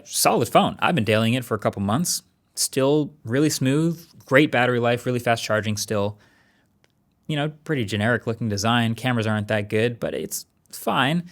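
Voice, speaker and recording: A man with a lowish voice reviews tech in a conversational video, keeping his tone casual and wryly understated while stressing certain words deliberately.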